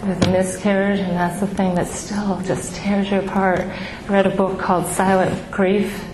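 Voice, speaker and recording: Speaking to an audience at a grief support gathering, this middle-aged woman stumbles through her story with frequent ums and restarts, sincere throughout. She has a mid-range, level-toned voice, soft and small, which she terms baby-like. Her words echo around a noisy hall.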